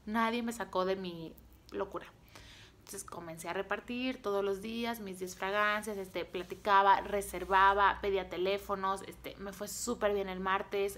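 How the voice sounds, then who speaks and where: A woman's voice: medium pitch, slight background noise. A woman with a Mexican accent, a sales team leader, telling a motivational story to her viewers in short, punchy phrases. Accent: Mexican Spanish. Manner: animated, acts out dialogue, punchy short phrases.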